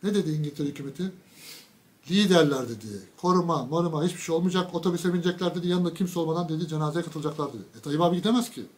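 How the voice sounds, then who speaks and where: A man giving a casual political monologue, mocking and ranting, with sudden loud bursts and low asides. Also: very fast. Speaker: political commentator.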